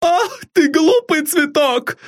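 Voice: sits high, expressive, slow pace, pitched above the performer's own voice. A reader voicing a cheerful, loyal, bustling maid in an audiobook. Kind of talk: audiobook reading.

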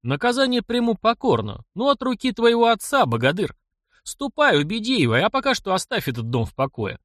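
A man voicing a calm, sad, tall bearded peasant who speaks low and soothingly. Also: brisk, dry recording, clean studio sound.

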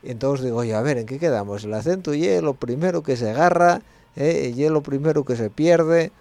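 A man's voice: medium pitch, normal speed, gravelly, darkish tone, no room sound. A man with an Asturian accent hosting a late-night community radio show, musing in a rambling way with slightly slurred speech and a frequent questioning tag. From Asturias, Spain.

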